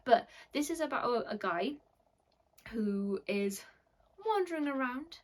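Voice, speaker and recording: Speaking a little slowly in an expressive voice on the high side, a woman from Wales chats her way through a book review. She rambles with many fillers, coming across as shy and self-deprecating.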